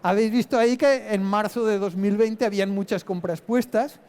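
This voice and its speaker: A man speaks at a live event, walking an audience through his thinking. His voice sits fairly high for a man, and his delivery is plain and explanatory. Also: moderate pace, darkish tone, clear, resonant tone. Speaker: invited investor speaker.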